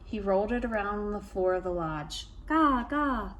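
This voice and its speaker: A woman's voice: medium pitch, a little fast. A woman reading a trickster tale aloud from a picture book, prompting young listeners with questions and wondering aloud. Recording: steady background ambient noise.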